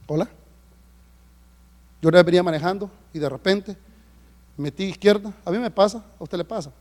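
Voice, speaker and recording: A man preaching a sermon as pastor, telling stories with sudden swings from hushed to loud. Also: high-pitched, a little fast. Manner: animated storytelling, swinging between hushed and loud. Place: church service.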